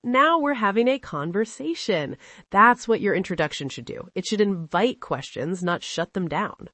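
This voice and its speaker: An American woman running a scripted English lesson in a lively, teasing tone. Her pitch rises and falls a lot as she plays out little example lines. The sound is dry and close-miked. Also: moderate pace, no room sound. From United States. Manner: playful, teasing, upbeat. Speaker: English teacher.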